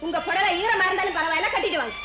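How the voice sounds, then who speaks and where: A touchy, possessive young sister. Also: female voice, very high-pitched, very fast, loud music behind the voice, low-quality recording. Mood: indignant. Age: young adult. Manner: bitter, self-pitying reproach. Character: touchy, possessive young woman, easily wounded. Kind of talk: 1970s film drama acting.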